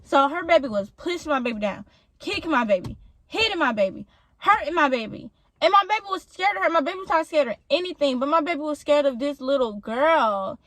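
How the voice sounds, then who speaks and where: A young woman with a high, bright voice tells a storytime straight to her viewers. She sounds animated and indignant and fills her talk with "like." The recording is close and dry, with no room echo. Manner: animated, indignant, fast-talking with many "like" fillers. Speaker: vlogger telling a storytime. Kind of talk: casual storytime addressed to viewers.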